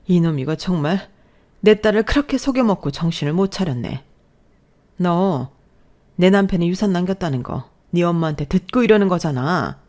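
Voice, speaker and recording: A woman voicing a fierce older widowed mother who scolds forcefully. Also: fairly low pitch, lively intonation, normal speed, lightly acted. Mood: scornful.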